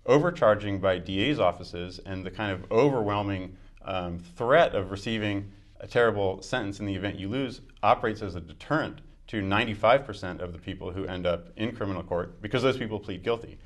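Speaking briskly in a fairly low voice, this American judicial candidate in his forties responds to an interviewer fluently, arguing his points and dropping in fillers. A lapel mic captures him in a small, dark-curtained studio.

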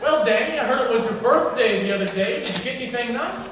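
A man's voice: extremely high pitch, animated, quick pace, a bit bright. A young man delivering scripted comedy patter as a ventriloquist's straight man on a theater stage. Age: young adult. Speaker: ventriloquist performer. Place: theater stage, filmed from the audience. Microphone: stand microphone, heard through distant camera. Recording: echoey noisy theater, recorded from far off.

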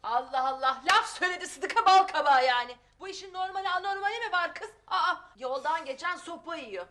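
A middle-aged actress playing a loud, gossipy, cold-hearted working-class mother in a sitcom, exclaiming and scolding, full of folksy sayings. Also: extremely high pitch, lively intonation, a little fast, heavily acted. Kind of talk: sitcom acting.

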